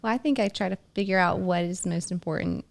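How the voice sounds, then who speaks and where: Woman, casual podcast co-host, low voice, gravelly fry, reflective and soft-spoken. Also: quick pace. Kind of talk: casual conversation.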